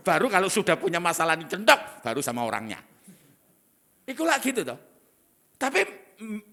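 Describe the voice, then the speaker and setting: Middle-aged pastor, high animated voice, teasing, swings all over while preaching. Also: male voice, gravelly. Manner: lively, teasing, mixes in Javanese asides. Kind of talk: sermon.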